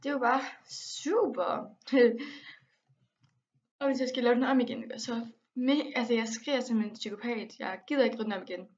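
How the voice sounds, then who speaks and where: A young woman chatting over a game she is playing. She sounds excitable and is quick to exclaim and grumble, with English slang dropped in. Her voice sits a little high, and the home mic sounds dull and lo-fi. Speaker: gaming vlogger. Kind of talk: casual gameplay commentary.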